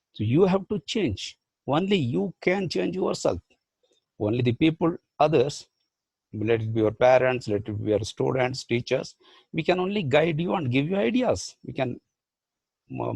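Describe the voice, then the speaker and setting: Recorded with no room sound, this man's voice sits high yet sounds creaky, husky and darkish. He speaks Indian English, has Badugu as his first language, and works as a professor and life skills trainer, delivering an online motivational lecture packed with rhetorical questions and repeated phrases.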